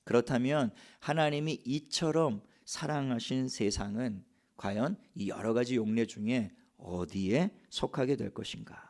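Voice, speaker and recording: A man's voice: medium pitch, a little mellow. A middle-aged male pastor delivering a sermon. He explains scripture step by step and puts rhetorical questions to the congregation.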